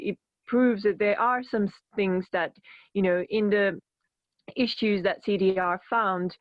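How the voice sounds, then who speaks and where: A woman speaks over a phone line, so her voice comes through dull and lo-fi but dry, with no room around it. She presents her research in an online meeting and talks haltingly, filling gaps with fillers and restarting her sentences. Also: medium pitch, no room sound. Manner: hesitant, many fillers and restarts. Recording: muffled phone-quality audio.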